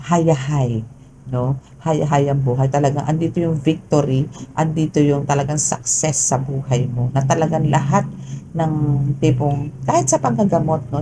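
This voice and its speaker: A woman with a low voice gives a relaxed, chatty tarot reading, moving freely between Tagalog and English and often tagging her sentences with little questions to the viewer. Steady background noise runs under the recording. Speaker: tarot reader.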